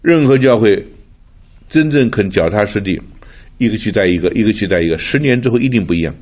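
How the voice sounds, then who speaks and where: A man's voice: lowish voice, animated, fairly quick, darkish tone. An older man from Taiwan preaching in a chatty, storytelling way, laughing often and mixing in English words. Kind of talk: sermon with personal stories.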